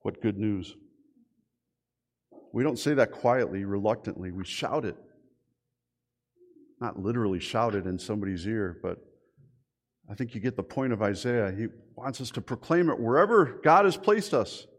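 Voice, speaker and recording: A middle-aged male pastor gives a sermon in an animated, conversational way. He tells stories and poses rhetorical questions to the congregation. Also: fairly low pitch, normal speed, pauses often.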